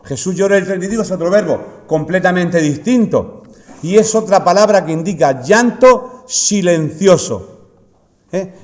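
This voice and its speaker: A man preaching a sermon, talking conversationally with rhetorical questions and swings between loud emphasis and quiet asides. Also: a little high. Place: church hall. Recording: long reverb of a church hall.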